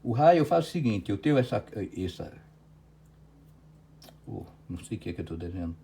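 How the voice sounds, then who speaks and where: A man's voice: fairly low pitch, very animated, a little fast, vocal fry, dark tone. A Brazilian Portuguese-accented man teaching physics in an online lecture, working through a problem step by step and checking often with "certo?".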